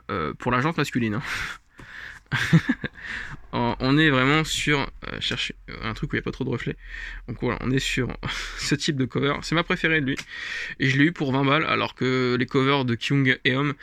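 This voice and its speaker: A man's voice: mid-range voice, sharp tone, no room sound. A man casually showing off his comic book collection, rambling with many fillers and little chuckles. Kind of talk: casual show-and-tell vlog.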